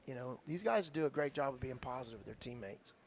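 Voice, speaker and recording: A high school football coach tells an earnest, heartfelt story in a radio interview. He talks fast and expressively in a mid-range voice. A little hiss or hum can be heard.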